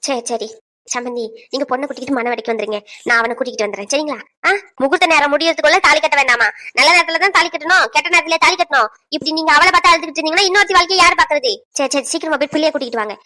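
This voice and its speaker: A woman voicing a bossy, sharp-tongued middle-aged mother-in-law at a wedding in a cartoon. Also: high voice, very fast. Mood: scolding. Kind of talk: cartoon voice acting, several village figures.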